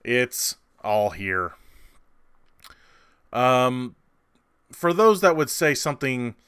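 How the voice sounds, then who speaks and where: A man's voice: medium pitch, big pitch swings, very slow, fairly bright tone, clean tone, dry recording, clean studio sound. A man hosting a casual movie review, rambling and conversational with many fillers and restarts, and sarcastic at times.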